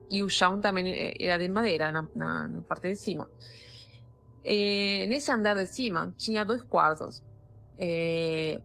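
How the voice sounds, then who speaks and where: A woman's voice: on the low side, creaky, fairly bright tone. A woman in her thirties from Argentina with an Argentine Spanish accent, a Spanish speaker telling a personal story in a voice message with many hesitations. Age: 30s. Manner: hesitant, many fillers and restarts.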